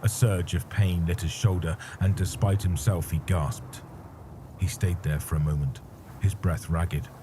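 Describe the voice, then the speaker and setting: A man narrating a story in a measured, grave manner. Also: low-pitched, fairly even intonation, background noise. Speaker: audiobook narrator. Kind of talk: scripted narration.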